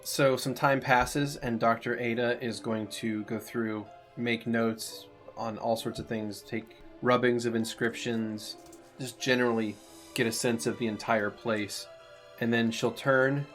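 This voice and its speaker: A man's voice: medium pitch, fairly even intonation, unhurried, fairly bright tone. Male game master over faint music. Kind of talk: narrating a tabletop game, casual.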